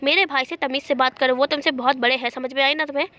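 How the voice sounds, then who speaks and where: A woman voicing a hot-headed young male mafia little brother who shouts and is quick to threaten. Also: very high voice, steady tone. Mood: angry threatening. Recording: dull lo-fi.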